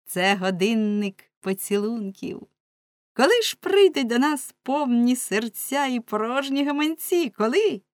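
A woman voicing a band of merry, reckless young women, loud and gleeful. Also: on the high side, animated, measured pace, no echo, clean studio sound, pitched above the performer's own voice. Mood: teasing. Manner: exclamatory, gleeful.

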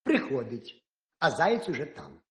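A man telling a folk tale to children in an animated, expressive storytelling voice. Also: medium pitch, a little slow, reverberant.

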